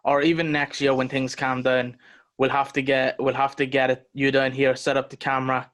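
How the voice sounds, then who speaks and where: A man co-hosting a podcast, chatting casually about a movie in a blunt, animated way and swearing freely. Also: medium pitch, moderate pace. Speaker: podcast co-host. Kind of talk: casual movie review chat.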